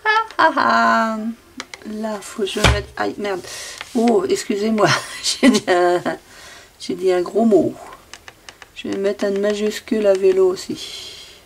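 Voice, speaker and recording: A woman's voice: mid-range voice, fairly even intonation, a little slow, a little mellow, a little hiss or hum. A woman making a handmade card who thinks aloud as she works, often repeating her own phrases in a sing-song way. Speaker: crafting video maker. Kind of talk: casual talk while crafting.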